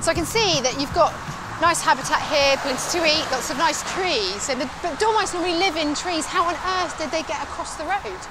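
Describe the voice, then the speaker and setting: An enthusiastic woman with a very high voice presents a nature documentary outdoors. She talks in a conversational, exclamatory way over a loud music bed. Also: a little fast, poor audio. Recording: strong music bed behind the voice.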